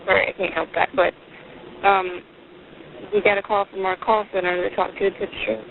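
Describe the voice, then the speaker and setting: A tip line operator talks over a crackly, tinny phone line that keeps fading in and out, with a faint hiss of noise underneath. The delivery is halting and full of ums, in a flat, level tone that barely rises or falls. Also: medium pitch, creaky. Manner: hesitant, halting, many ums. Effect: crackly phone line that fades in and out. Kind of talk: real emergency phone call.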